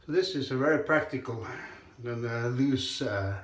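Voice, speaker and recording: Chatting casually mid-shave, a hoarse vlogger with a mid-range voice speaks slowly and haltingly, pausing often to clear his throat. He's in a small tiled bathroom indoors, recorded by a camera on the counter at arm's length, so there's echo and faint noise.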